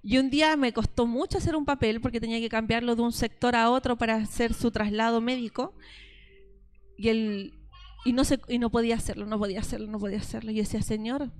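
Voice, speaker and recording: Woman, Chilean accent, 30s, high voice, testimonial sermon, storytelling. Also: steady tone, quick pace. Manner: storytelling, speaks directly to listeners as sisters. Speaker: preacher addressing a women's church group.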